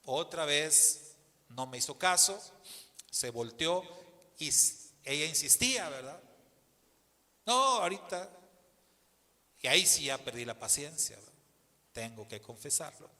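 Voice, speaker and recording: A man's voice: a little high, unhurried. A man with a Mexican accent, a pastor telling a story in a sermon and acting out the people in it. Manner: animated storyteller who acts out the people in the story. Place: church hall. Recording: long hall reverb.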